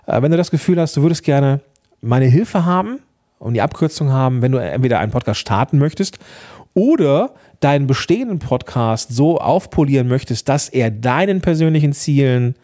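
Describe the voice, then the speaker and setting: A man hosting a podcast, giving chatty, encouraging advice straight to the listener and often checking in with a quick "ja?". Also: medium pitch, dark tone. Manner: chatty, encouraging, addresses listener directly with frequent "ja?". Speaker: podcast host and coach. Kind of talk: casual podcast advice monologue.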